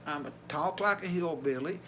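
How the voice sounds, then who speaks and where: An older man from Tennessee, USA, with an Appalachian Tennessee accent, talks to his vlog viewers in a plain, casual, folksy way. His voice is on the high side and a bit bright, at normal speed, with slight background noise.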